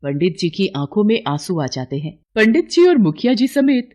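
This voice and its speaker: A woman narrating a devotional cartoon story in an even storytelling manner. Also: medium pitch, normal speed. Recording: noisy background hiss.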